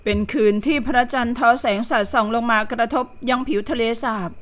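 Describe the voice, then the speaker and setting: A woman narrating a period romance novel as an audiobook in a steady, even storytelling manner. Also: a little high, brisk.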